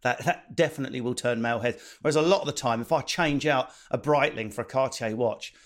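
A man's voice: medium pitch, fast talker. Blunt man hosting a panel. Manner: blunt, sweary, rhetorical. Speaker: panel host. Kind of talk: casual discussion.

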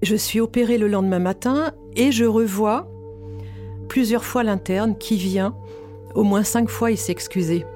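A warm, mid-range female voice belongs to a woman in her fifties who candidly shares her cancer story as a patient. It comes across as an earnest personal testimony.

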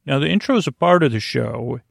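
In a creaky, mid-range voice, this male podcast host delivers a soothing, drifting bedtime talk, repeating himself haltingly and stretching out pauses. He sounds animated, and the studio-quality audio has no room sound.

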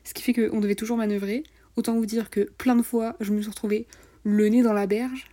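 A woman's voice: a little high, little pitch movement, a little fast, mellow. A young woman co-hosting a travel podcast, recounting the trip in enthusiastic, slangy casual chat. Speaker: podcast co-host.

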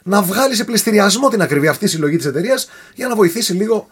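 A man telling a story in a casual podcast chat, animated and often tripping over foreign names. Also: high-pitched, breathy edge.

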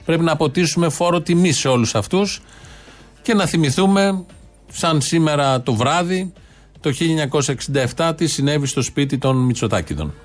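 A man's voice: on the high side, expressive, faint music behind. A man hosting a sarcastic political commentary show from a studio, with a mocking, ironic delivery. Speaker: host.

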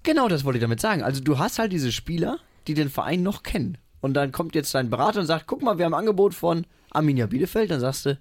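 A man's voice: on the high side, very animated, quick pace, hardly any pauses, dry recording. A man co-hosting a podcast in casual chat, reeling off numbers and dropping dry jokes. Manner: dry joking, reels off stats. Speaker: podcast co-host.

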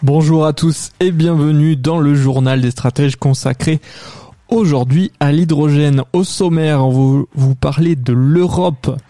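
A man's voice: a little high, fairly even intonation, a little slow, warm tone, soft background music. A man hosting an economic news podcast, reading a press review in a conversational way with frequent hesitations. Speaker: podcast host.

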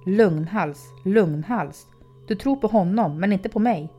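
A woman puts on a vengeful teenage boy in a spoken storybook, cold and taunting. He pushes his lines out loud and threatening, with a dark, mellow edge to the tone. Faint music sits underneath. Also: lowish voice, steady tone, muffled recording, lightly acted.

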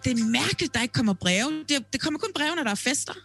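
Lively high-voiced woman podcaster. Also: creaky, faint music behind. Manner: chatty, laughs easily. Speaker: podcast host. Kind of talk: casual podcast chat.

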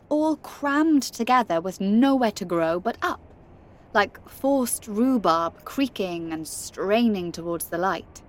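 Performing a wry, wistful giant from the country, a woman delivers a first-person audio drama monologue with expressive storytelling and hushed, confiding asides. Her voice is medium-pitched and only lightly acted.

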